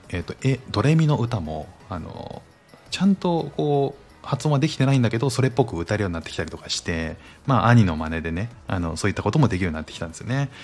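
Man, podcast host, lively swooping pitch, relaxed rambling, lots of fillers, faint music behind. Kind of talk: casual solo podcast chat.

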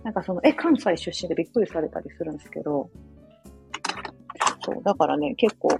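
A woman from Osaka hosting a casual live stream from her home kitchen, chatting in a rambling way full of fillers and quick apologies. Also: lowish voice, lively intonation, gravelly, mellow, soft background music, low-quality recording. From Osaka, Japan. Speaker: live audio stream host. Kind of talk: casual chat while cooking, reading listener comments.

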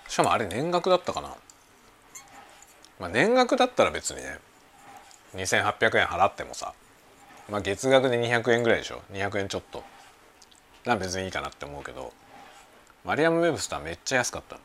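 A low-voiced man chats casually on his lunch break. His pitch is animated and lively as he rambles in a relaxed way. Faint household sounds hang in the background of a home recording. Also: brisk, long pauses, slight background noise. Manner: relaxed rambling talk while eating lunch. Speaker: podcast host. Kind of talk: casual chat. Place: home kitchen with everyday sounds.

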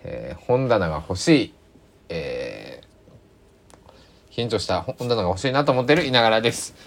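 Solo podcast host, thirties, deep voice, lively up-and-down pitch, rambles and restarts. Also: male voice, a little slow, vocal fry. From Kochi, Japan. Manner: rambling, self-correcting, chatty. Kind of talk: casual solo podcast talk.

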